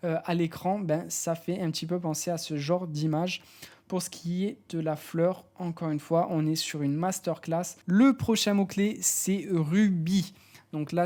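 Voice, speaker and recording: A man giving a casual walkthrough tutorial, chatty and relaxed, sharing personal opinions with frequent fillers. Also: on the high side. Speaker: AI image tutorial creator. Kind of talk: casual screen-walkthrough commentary.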